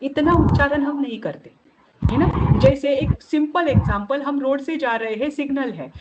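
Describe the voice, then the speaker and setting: एक महिला शिक्षिका वीडियो कॉल पर ऑनलाइन कक्षा में सूत्र क़दम-दर-क़दम समझाती है और बार-बार "है ना?" पूछती है।. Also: female voice, high-pitched, normal speed. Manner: explains step by step, often asks "है ना?". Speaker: teacher of Jain logic. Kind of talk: online class lecture. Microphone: video call. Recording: dull lo-fi audio with loud noise.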